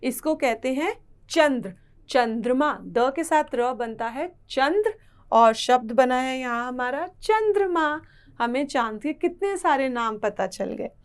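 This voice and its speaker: A woman's voice: sits high, expressive, measured pace, clean tone. A woman teaching a children's Hindi reading lesson, patiently spelling out sounds syllable by syllable.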